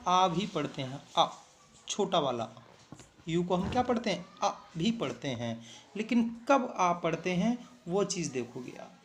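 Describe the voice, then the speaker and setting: A man's voice: high voice, slight background noise. A man teaching an online phonics lesson, patiently repeating points, asking questions and answering them himself, and calling his students "beta". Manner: calls students "beta" fondly.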